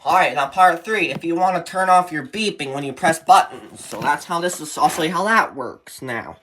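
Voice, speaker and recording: Here the presenter's voice is fairly high, expressive and a touch bright, at a moderate pace with slight background noise. He gives informal, step-by-step instructions in a simple, repetitive way.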